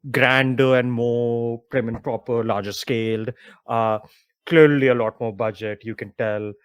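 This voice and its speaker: A man narrating a tabletop game as dungeon master, casual and loose, filling pauses with fillers. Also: medium pitch, fairly even intonation, smooth, no room sound.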